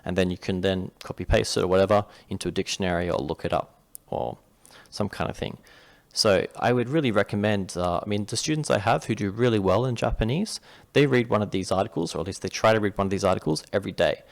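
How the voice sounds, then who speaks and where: A Japanese tutor from Western Australia, with an Australian accent, explains a reading lesson over screen share in a chatty, rambling way with frequent restarts. His voice is lowish, fast and gravelly.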